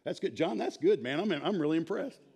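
A man in his thirties teaching a church class in an animated, informal way, quizzing the group. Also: a little high, brisk, vocal fry, slightly rough. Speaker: Bible teacher. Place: church sanctuary, speaking to a small audience.

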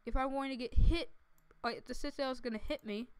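A woman giving casual, excitable commentary over her own gameplay, breaking into sudden dramatic outbursts, speaking into a headset mic. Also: high voice, fast, clean tone, dry recording. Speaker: gaming video creator. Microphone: headphones with mic.

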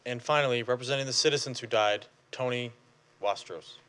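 A man acting as emcee, giving brief, measured introductions at a formal memorial ceremony. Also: medium pitch, sharp tone, a little hiss or hum.

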